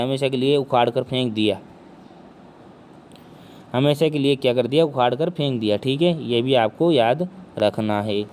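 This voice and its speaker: A male teacher giving an exam-prep history lecture, with a sore throat and speaking softly, who keeps asking questions and answering them himself. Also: mid-range voice, a little hiss or hum.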